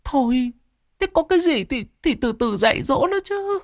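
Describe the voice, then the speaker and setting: A man voicing a strict but kind village mother in a high, commanding voice. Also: very animated, moderate pace, gravelly, no echo, studio quality, heavily acted. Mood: alarmed. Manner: shrill, commanding.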